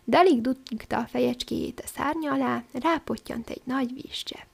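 A woman reading a fairy tale aloud in a soft, breathy storybook narration. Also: high-pitched.

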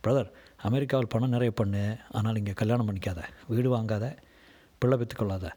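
Brief: cynical, lecturing immigrant businessman, read by the male narrator; low, husky delivery. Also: fairly quick, mellow. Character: embittered middle-aged immigrant businessman. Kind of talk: audiobook narration.

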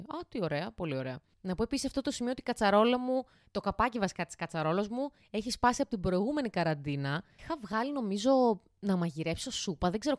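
Cooking in her home kitchen, a twenty-something podcast host chats casually, rambling, dropping the odd swear word and talking right to her audience. She has a mid-range voice. The recording is clean studio sound without echo.

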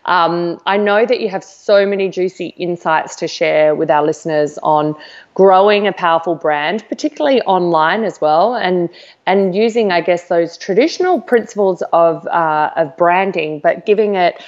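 A woman's voice: lowish voice, moderate pace, muffled recording. An enthusiastic woman hosting a podcast interview, effusive and chatty with many fillers. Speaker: podcast host. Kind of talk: casual interview chat.

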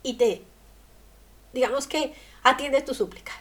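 A woman preaching a radio sermon, emphatic, asking rhetorical questions and swinging between loud and soft. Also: sits high, steady tone, measured pace.

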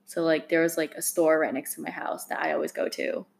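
A woman from Taiwan talks casually as a podcast co-host, relaxed and peppering her sentences with "like". Her voice sits on the low side for a woman, with a gravelly, creaky edge. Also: brisk. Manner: relaxed, many fillers of "like". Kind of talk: casual chat.

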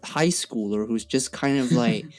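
A young man co-hosting a podcast in casual chat, halting and full of fillers, strongly opinionated. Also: mid-range voice, a little mellow, soft background music. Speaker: podcast co-host.

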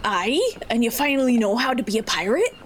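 A woman playing a gruff female pirate captain who speaks in salty pirate dialect, with music playing behind. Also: on the high side, fairly quick, a little hiss or hum, natural voice. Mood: teasing.

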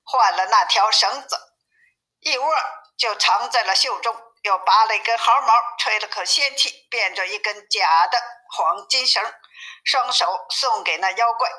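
A woman reading a classic novel aloud as a storyteller, in steady, even narration, with a tinny phone-like sound. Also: medium pitch, measured pace.

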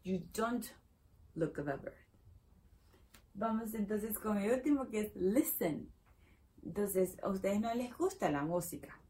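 A Spanish-speaking woman teaching English with a patient, repetitive manner. She takes her time, stretching out each model sentence slowly. Her pitch is moderate, and she now and then bursts into bright, excited calls. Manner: drawn-out slow model phrases. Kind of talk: playful online English lesson in Spanish.

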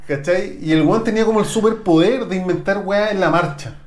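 A Chilean man hosts a loose chat between friends and talks at a rapid clip in a high voice. He rambles through stories, heavy with slang. The room rings with a noticeable echo. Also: background noise. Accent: Chilean Spanish. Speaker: podcast host. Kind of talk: casual chat.

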